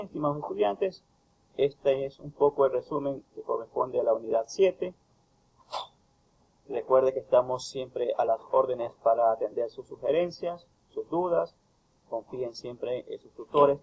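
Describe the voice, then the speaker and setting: Husky gravelly guy teaching grammar, slows right down on the examples, kinda dull lo-fi sound. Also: mid-range voice. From Ecuador. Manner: slow, emphatic reading of example phrases. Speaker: university tutor. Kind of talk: recorded lecture explaining grammar.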